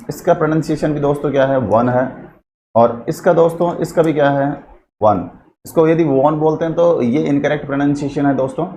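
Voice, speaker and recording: A man with a fairly high voice gives a classroom grammar lecture, posing questions to his students and answering them himself. He switches between two languages and spells out words slowly as he writes. A faint hiss runs under the recording. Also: darkish tone. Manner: mixes English terms into his Hindi. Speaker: English teacher.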